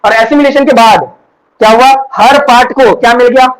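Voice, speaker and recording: A man with a very high-pitched voice teaches a class. He works through each idea step by step, posing questions and then answering them himself. He often repeats key words and keeps checking that his students are following. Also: fairly even intonation, moderate pace, fairly bright tone, rough recording. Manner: keeps checking understanding with "ठीक है? है ना?". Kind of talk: classroom lecture.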